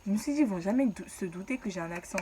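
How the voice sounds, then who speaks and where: A young woman with a foreign accent in French, telling her own story in a lively, casual vlog style with quick asides. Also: mid-range voice, background noise. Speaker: vlogger.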